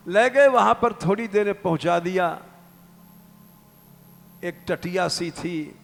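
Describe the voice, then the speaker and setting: Older preacher. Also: male voice, sits high, slow, creaky. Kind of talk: devotional storytelling sermon. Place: temple hall. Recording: live hall reverb, faint ambience.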